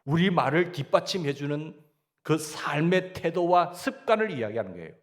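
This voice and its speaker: A man's voice: on the high side, lively intonation, normal speed. A man with a Gyeongsang Korean accent preaching a sermon as pastor, asking the congregation questions and answering them himself.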